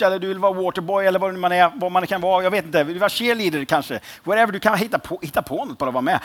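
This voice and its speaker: A man's voice: sits high, fairly bright tone. A young man preaching a casual, joking sermon, informal and rambling with fillers. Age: young adult.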